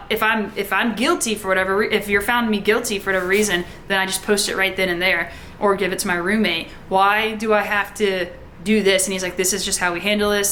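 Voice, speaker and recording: A young woman talks straight to her audience in a loose, rambling storytelling style, restarting sentences and acting out both sides of a conversation. Her voice is bright and forward, sitting at an ordinary middle pitch, with a faint hum of room ambience behind her. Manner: chatty, heavy use of "like", many restarts, acts out quoted dialogue. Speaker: vlogger telling a personal story. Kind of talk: casual storytelling to camera.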